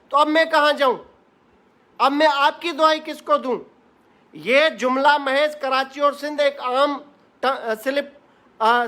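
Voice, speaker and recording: A man's voice: very high-pitched, sharp tone. A man from Sindh, Pakistan, giving an impassioned political address to camera. He talks in a fiery, rhetorical way and repeats phrases for emphasis. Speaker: political commentator.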